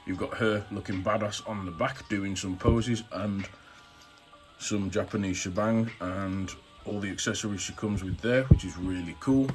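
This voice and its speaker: A man with a low-pitched voice presents an unboxing review in a chatty, informal way. He piles on superlatives as he talks to his viewers, with music playing behind him. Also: moderate pace, poor audio. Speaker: YouTube toy reviewer and channel host. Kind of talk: casual action figure unboxing review.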